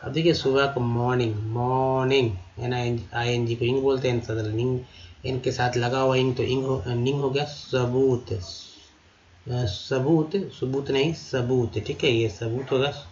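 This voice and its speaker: A man teaching English vocabulary in a slow lesson, sounding out each word syllable by syllable and repeating it. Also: mid-range voice, fairly even intonation, darkish tone, muffled recording, a little hiss or hum. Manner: repeats words syllable by syllable, addresses viewers as friends.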